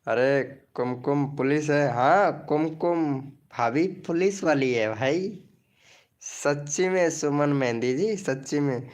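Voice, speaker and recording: A man's voice: fairly high pitch, takes it slowly. Playful man teasing his live-stream viewers. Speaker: live-stream channel promoter. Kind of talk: casual live-stream chat.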